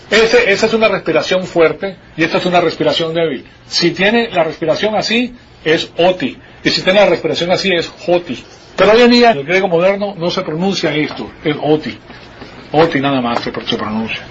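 Male preacher, fairly high voice, teaching tone full of rhetorical questions, dull lo-fi radio recording. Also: slight background noise. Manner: explanatory, asks the congregation rhetorical questions. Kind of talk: expository Bible sermon.

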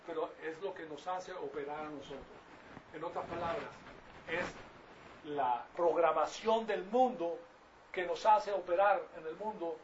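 A man teaching a Bible class in sermon style, questioning his listeners and rising to loud emphatic peaks. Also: a little high. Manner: engages the audience with questions. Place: room with a live audience. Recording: distant lo-fi recording with noise.

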